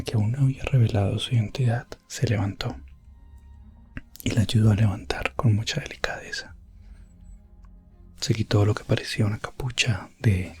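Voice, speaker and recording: In an ASMR fantasy roleplay, a man voices an elf prince adventurer gently and solemnly recounting his rescue quest. His lowish voice is soft, breathy and hushed, often dropping to a whisper, with solemn pauses.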